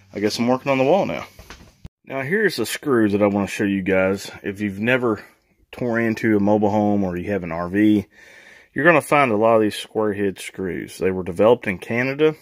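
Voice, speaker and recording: A man hosting a casual home renovation vlog, chatting informally while showing tools and work. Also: on the low side. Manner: chatty, informal, laughs at own jokes. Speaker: channel host, DIY renovator. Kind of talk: casual DIY vlog narration. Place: mobile home and workbench indoors.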